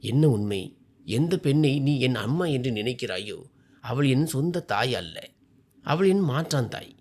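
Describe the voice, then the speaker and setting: A calm blind young husband in a narrated family drama, steady and quietly sure of himself, voiced by a male reader. His lines keep a lively rise and fall. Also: medium pitch, unhurried. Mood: confiding.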